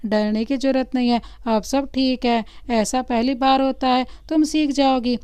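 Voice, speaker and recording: A woman voicing a calm, loving young husband in a storybook reading, gentle and reassuring. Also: high-pitched, unhurried, clear, resonant tone, dry recording.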